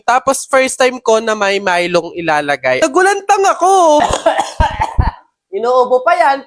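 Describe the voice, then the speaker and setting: A young woman with a Filipino accent, hosting a casual vlog in a loud, bubbly, exclamatory way. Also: a little high. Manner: loud, bubbly, exclamatory, mixing English into Tagalog. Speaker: vlogger. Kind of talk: casual vlog, trying a drink recipe.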